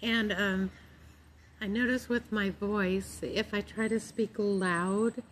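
A middle-aged woman chatting casually to camera about faith in a calm, gentle, unhurried way. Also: medium pitch. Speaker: vlogger sharing her faith. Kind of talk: casual devotional chat to camera. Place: outdoors in a park among trees. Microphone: phone at arm's length. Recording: outdoor phone recording with background noise.

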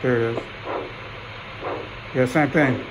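Calm male podiatrist, plain explanations, noisy clinic room. Mid-pitched. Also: slow. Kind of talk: clinical exam talk with patient.

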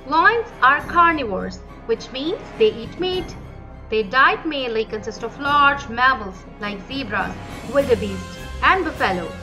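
A woman's voice: high-pitched, poor audio. A woman reading scripted nature documentary narration for children in a presentational, explanatory manner. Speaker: narrator of a children's educational animal video.

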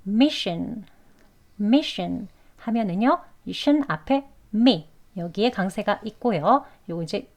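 A woman leads an English pronunciation lesson in a patient, explanatory way. She talks at a slow, deliberate pace in a middle-pitched voice, drawing out the example words so learners can follow.

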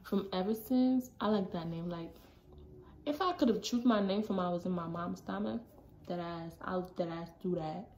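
A teenage girl from Jamaica talks straight into her phone camera, chatty and animated, tossing in quick asides. Her voice sits a little low for a girl. The small bedroom gives it an echoey ring with a faint hiss behind. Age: teens. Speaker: vlogger. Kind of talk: casual chat to camera. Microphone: phone camera at arm's length. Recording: echoey room, faint background noise.

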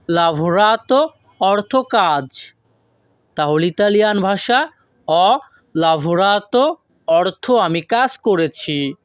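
A language teacher giving an online lesson, saying each foreign phrase slowly twice and asking and answering their own questions. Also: medium pitch, dry recording, studio quality.

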